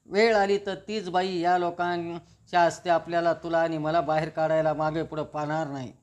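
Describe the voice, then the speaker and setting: A man's voice: a little high, level tone, normal speed, natural voice. A man reading as a suspicious, warning father.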